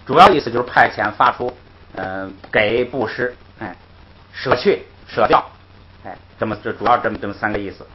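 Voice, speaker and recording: A man teaching a grammar class, explaining patiently, repeating himself and chuckling softly between points. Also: lowish voice, moderate pace. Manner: patient, repetitive, punctuates with "hey" and soft chuckles. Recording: dull lo-fi recording with faint noise.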